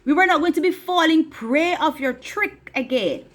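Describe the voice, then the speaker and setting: Woman playing fed-up villagers, firm and scolding, high voice. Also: expressive, normal speed. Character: stern, fed-up village adults.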